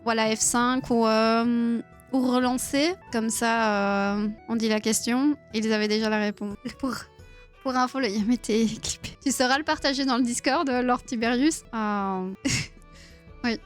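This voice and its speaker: A woman's voice: a little high, steady tone, a little slow, soft background music. A woman in her thirties hosting a live quiz stream, chatting playfully with viewers and giggling often. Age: 30s. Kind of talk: casual live-stream chat.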